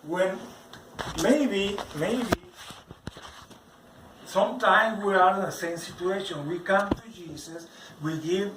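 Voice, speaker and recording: Man, non-native English speaker, religious testimony, slow halting delivery, repeated restarts, echoey room. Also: sits high, noisy background. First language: not English. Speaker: churchgoer giving a personal testimony. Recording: roomy, from some distance off the mic.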